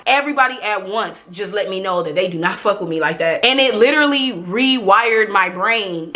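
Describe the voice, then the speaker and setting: Casting: young adult female vlogger, bright forceful voice, medium pitch, frank confessional chat with slangy, emphatic delivery. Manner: candid, emphatic, slangy and profane. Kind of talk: casual confessional chat to camera.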